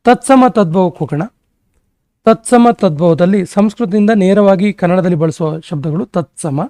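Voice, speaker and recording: A male exam-prep teacher giving a grammar lesson, briskly rattling off word lists. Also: sits high, warm tone, dry recording.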